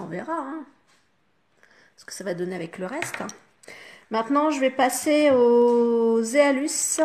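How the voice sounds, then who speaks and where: Une femme francophone au ton bavard, qui explique pas à pas son maquillage aux spectatrices avec beaucoup de « hop » et « voilà ». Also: female voice, on the high side, a little mellow, slight background noise. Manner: chatty, talks the viewer through each step with fillers like "hop" and "voilà". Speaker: makeup vlogger. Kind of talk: casual makeup tutorial.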